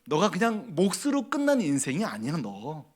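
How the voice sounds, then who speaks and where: A man voicing God as a tender, fatherly figure, speaking in a hushed voice that sometimes drops to a whisper. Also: on the high side, wildly swooping pitch, moderate pace. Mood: reassuring.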